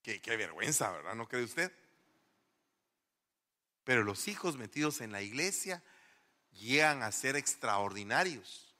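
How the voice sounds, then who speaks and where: A middle-aged male pastor giving an animated sermon in a church, firing rhetorical questions at the congregation. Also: medium pitch, unhurried, long pauses. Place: church hall. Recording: long church reverb.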